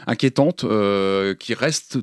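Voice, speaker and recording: A man's voice: lowish voice, takes it slowly, clean tone, dry recording, clean studio sound. A man co-hosting a podcast in casual chat, hesitant and searching for his words. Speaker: podcast co-host.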